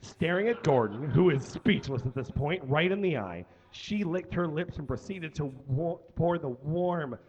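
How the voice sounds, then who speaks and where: A man doing a comedic live reading on stage into a microphone, theatrical with loud bursts of emphasis. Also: a little high, lively intonation, a little slow, hardly any pauses, slightly rough, lo-fi sound. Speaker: live show performer. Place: stage before a live audience.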